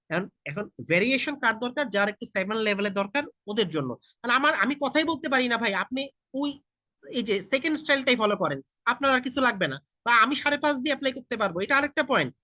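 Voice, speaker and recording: Over a video call, an IELTS tutor in his thirties with a Bangladeshi Bengali accent speaks informally, blends in English, and fires questions right at his students. His voice is very high, bright, and pushed, with a dry, muffled recording.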